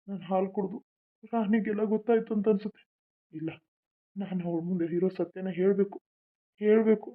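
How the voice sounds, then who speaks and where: A woman's voice: medium pitch, close to an everyday voice. A woman voicing a simple-minded, worried young male king in a cartoon, muttering his thoughts aloud. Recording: tinny phone-like lo-fi audio.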